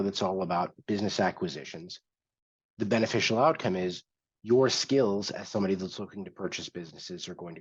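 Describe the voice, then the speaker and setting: A man's voice: low-pitched, breathy edge. A man hosting an instructional workshop, explaining step by step in a conversational way with some restarts. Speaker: workshop host. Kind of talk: instructional screen-share workshop. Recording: dull lo-fi sound.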